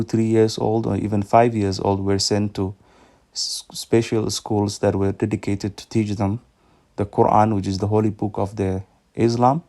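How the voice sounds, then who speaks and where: A man in his thirties from Somalia, with a Somali accent, giving an earnest, measured personal faith testimony that halts now and then. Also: on the low side, mellow. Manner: earnest, measured, slightly halting. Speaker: ministry speaker.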